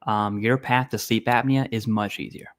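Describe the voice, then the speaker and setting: A man's voice: fairly low pitch, steady tone, moderate pace. A man hosting a casual live Q&A stream, reading viewer questions aloud and answering bluntly and informally. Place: home setup, eating while streaming.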